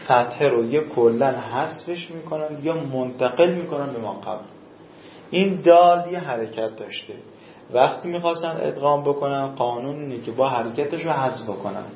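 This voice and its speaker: A male teacher giving a classroom grammar lesson, explaining slowly and repeating rules, with questions for his students. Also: mid-range voice, reverberant, highs cut off, a little hiss or hum.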